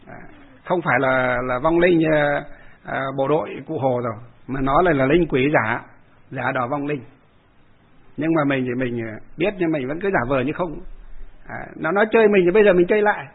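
A fairly high, husky male voice, a Buddhist monk rambling through a story with fillers and repetitions. The sound is narrow and phone-like, as if heard over a radio. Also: normal speed. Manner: rambling, with many filler sounds and repeated phrases.

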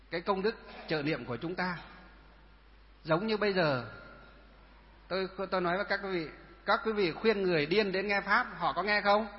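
A man, a Buddhist monk, giving a sermon who keeps asking rhetorical questions and answering them himself. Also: high-pitched. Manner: repetitive, asks and answers own questions. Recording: dull lo-fi sound with long reverb.

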